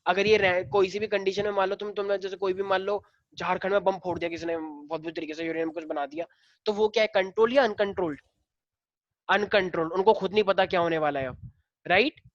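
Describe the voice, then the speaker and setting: A man's voice: sits high, steady tone, quick pace, no room sound, highs cut off. Male teacher quizzing his class. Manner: explains by asking the class questions; casual, familiar with students. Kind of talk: classroom lecture.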